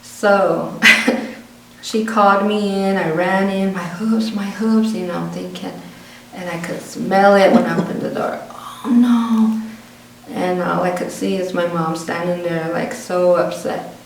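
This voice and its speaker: A woman's voice: on the low side, a little slow, creaky. A Pueblo woman from New Mexico telling a family story in an oral history interview, acting out the voices of her relatives. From Pueblo community, New Mexico. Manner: lively storyteller who acts out family dialogue. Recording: roomy, distant, faint background noise.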